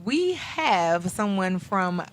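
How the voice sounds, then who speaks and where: A radio co-host welcoming and questioning a guest in a measured, friendly way. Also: medium pitch, big pitch swings, slight background noise. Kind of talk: radio talk show.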